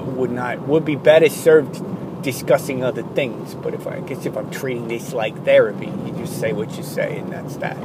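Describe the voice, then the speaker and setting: A man delivering a rambling, self-deprecating comic monologue, jumping between loud bits and low mumbled asides. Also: very noisy.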